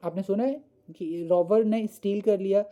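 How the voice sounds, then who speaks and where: A man teaching a school English lesson, explaining patiently and reading English definitions slowly word by word. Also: high voice, steady tone, highs cut off.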